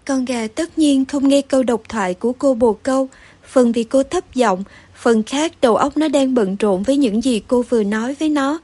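A woman narrating a children's story aloud in a steady, expressive storytelling manner. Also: high voice, moderate pace, breathy edge, no echo. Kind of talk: audiobook story reading.

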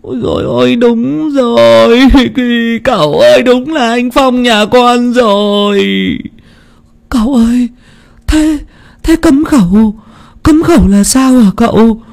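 A high, gravelly voice sobs and begs: a man acting out a grieving middle-aged market woman in an audiobook. She wails for her lost brother. Her voice is rough and raised far above a man's usual pitch. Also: slow pace, a little mellow, heavily acted. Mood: wailing grief. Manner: wailing, pleading, sobbing. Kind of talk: audiobook character voice.

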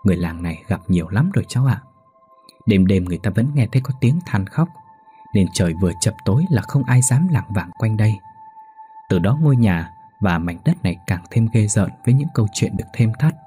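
A man voicing an anxious, superstitious old village man who speaks in a shaky, hushed way. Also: fairly low pitch, expressive, a little fast, faint music behind, lightly acted. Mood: fearful.

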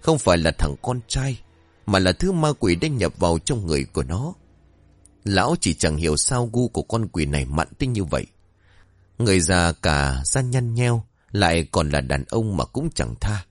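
Expressive low-voiced male storyteller. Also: normal speed, no room sound. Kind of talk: narrated horror-comedy story.

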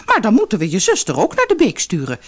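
A woman voicing a shrill, scolding, greedy peasant mother in a storybook reading. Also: huge pitch swings, quick pace, breathy edge.

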